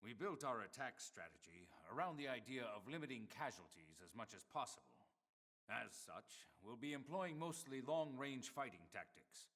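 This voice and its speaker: An actor playing a stern, commanding male director general in a video game, with a measured, dry, authoritative delivery. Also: mid-range voice, very animated, fairly bright tone. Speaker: game character.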